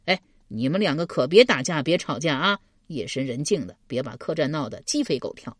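A woman's voice: deep voice, expressive, fairly quick, breathy edge, no echo, studio quality. A woman voicing an easygoing male scholar who talks in a breezy, teasing way.

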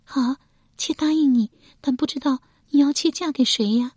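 A woman's voice: sits high, normal speed, a little mellow, dry recording, clean studio sound, voice pushed up, close to an everyday voice. A woman reading an audiobook voices a distressed noblewoman, a widowed lord's wife, pleading tearfully and anxiously. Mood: flustered. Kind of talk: audiobook character voice.

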